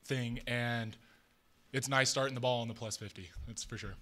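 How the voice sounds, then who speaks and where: A young man, a college quarterback, answering reporters' questions after a game in a modest, relaxed way with many ums. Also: medium pitch, moderate pace, a little hiss or hum. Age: young adult. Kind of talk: post-game press conference answers. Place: press room with logo backdrop. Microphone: table mic in front of him.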